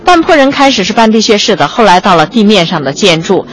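Amid clearly noisy ambience at an exhibition site, a female museum guide talks fast with lively intonation and a medium-pitched voice. She leads an unscripted tour, pointing things out and explaining each one step by step.

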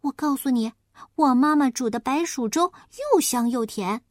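A woman voicing a naive, chatty little boy piglet in a storybook reading, with a high, eager, innocent way of talking. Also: normal speed, no echo, clean studio sound, close to an everyday voice.

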